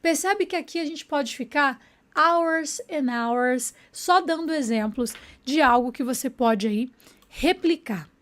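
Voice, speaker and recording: A woman with a high, bright speaking pitch gives an online English lesson in speech. She keeps checking in with her listeners and slows down whenever she models an English phrase. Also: slight background noise. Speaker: English teacher.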